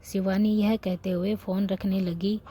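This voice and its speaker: A woman narrating a family story as a storyteller, reading every part in her own soft, steady voice. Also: medium pitch, measured pace.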